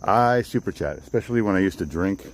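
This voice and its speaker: A man's voice: low-pitched, animated, fast talker. A man chatting casually to livestream viewers outdoors, rambling and often repeating his phrases as he goes. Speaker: livestreamer hosting a walk and talk. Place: outdoors on a walk in the woods. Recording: outdoor noise with insects and nature sounds. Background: crickets, outdoor nature ambience.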